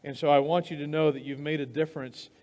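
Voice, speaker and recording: A man speaks as a pastor to his congregation, informal and encouraging. His voice sits a little high, with the long reverb of a hall around it. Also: level tone, quick pace, darkish tone.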